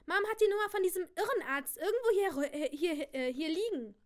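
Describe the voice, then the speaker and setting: A woman putting on a shrill, snide teenage girl. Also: animated, a little fast, a bit bright. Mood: snippy. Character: snippy, scornful teenage girl cousin.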